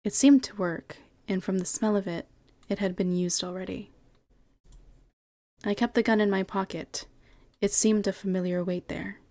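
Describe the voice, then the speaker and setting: A woman streamer in a home setup, reading the on-screen text of a game aloud at a measured pace. Between passages she answers her chat in quick, casual asides. Her pitch sits in an ordinary middle range. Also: fairly even intonation, mellow, dry recording.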